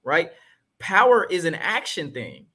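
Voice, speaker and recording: A man's voice: fairly high pitch, big pitch swings, a little slow, pushed and bright, husky. A man talking earnestly and emphatically about faith and the church in a casual discussion.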